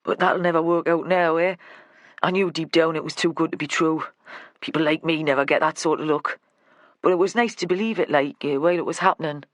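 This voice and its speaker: A man's voice: on the high side, fairly even intonation, a little fast, a bit bright, no echo, studio quality, natural voice. Brief: reader voicing unassuming man, hesitant, self-deprecating. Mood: wistful. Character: meek, unconfident working-class man.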